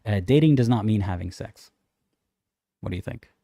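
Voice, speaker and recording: Young guy on a livestream reading chat, lowish mellow voice, dry close sound. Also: lively intonation, vocal fry, no echo. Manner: thoughtful, measured, reads comments aloud.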